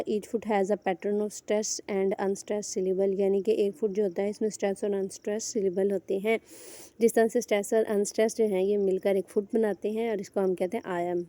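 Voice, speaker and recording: Woman literature lecturer, very mellow dark tone, dry close recording. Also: mid-range voice, dry recording. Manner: explains in Urdu-Hindi, reads English examples slowly. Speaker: English literature teacher.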